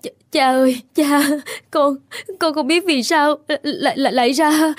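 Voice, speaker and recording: A man's voice: extremely high pitch, fairly even intonation, unhurried, dry recording, studio quality, voice pushed up. A man doing a sobbing, terrified young daughter. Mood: sobbing plea. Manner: tearful, stammering, pleading.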